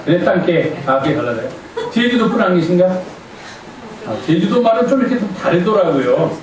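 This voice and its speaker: A man's voice: high-pitched, big pitch swings, brisk, far from the mic, crowd noise. A male pastor giving a conversational sermon, playfully quizzing his congregation. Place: church sanctuary. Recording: echoey church hall from afar.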